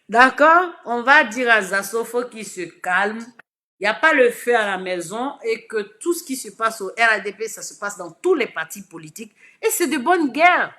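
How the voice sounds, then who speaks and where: A woman with an Ivorian accent giving advice straight to camera. She swings from shouting to soft, low pleading and repeats words for emphasis. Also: expressive, normal speed. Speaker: political social media commentator. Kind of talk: direct-to-camera message.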